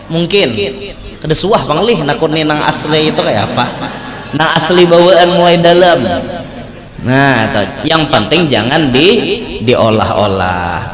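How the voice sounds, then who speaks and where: A man preaching a sermon with a Banjar Malay accent, animated, jumping from loud high bursts to low hushed warnings, with joking asides. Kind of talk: sermon to a live crowd. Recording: echoey hall with crowd.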